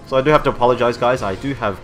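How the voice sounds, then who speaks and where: Racing along in a mid-range voice, a man from Australia talks through a game-art tutorial while recording his screen. He sounds stuffy from hay fever, rambles, corrects himself a lot, and keeps dropping "okay?" and "um," with soft background music.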